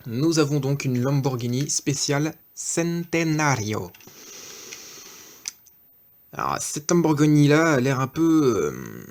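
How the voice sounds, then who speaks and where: A man giving a casual off-camera toy review, hesitant, with many fillers and self-corrections. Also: mid-range voice.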